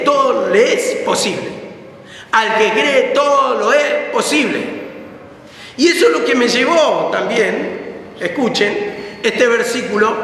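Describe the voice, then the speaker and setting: Man, Rioplatense accent, preacher, fervent repetitive sermon, bright ringing voice, long hall reverb. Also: extremely high pitch. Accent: Rioplatense Spanish. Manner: fervent preaching, repeats phrases for emphasis. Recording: echoey hall with faint ambient noise.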